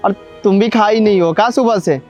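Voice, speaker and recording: A man's voice: sits high, normal speed, faint music behind, natural voice. A man playing an irritable, overworked young husband who snaps curtly at his wife. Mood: softened. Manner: curt, exasperated. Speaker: actor in a comedy skit.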